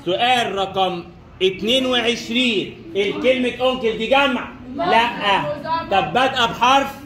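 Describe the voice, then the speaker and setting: A high-pitched man with an Egyptian Arabic accent runs a classroom lesson, repeating every question and answer as he quizzes students. His voice rings around an echoey room. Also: normal speed, a crowd in the background. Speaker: French teacher.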